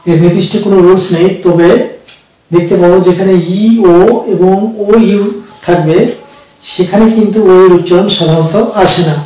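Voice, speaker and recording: A man teaching an English pronunciation lesson, patiently explaining step by step and repeating words slowly for learners. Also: high voice, darkish tone. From Bangladesh. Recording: very echoey room, mic at a distance.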